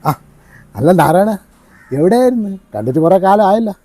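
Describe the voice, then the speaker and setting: A gossiping village elder, played by a man, who tells the news in a chatty, storytelling way. His voice sits a little high. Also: big pitch swings, brisk, warm tone, dry recording, heavily acted.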